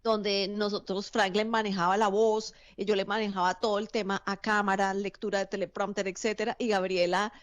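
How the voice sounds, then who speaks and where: A woman who coaches people for camera work, telling lively stories in an interview. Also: mid-range voice, brisk, few pauses. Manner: lively storyteller, acts out quoted dialogue. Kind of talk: interview conversation.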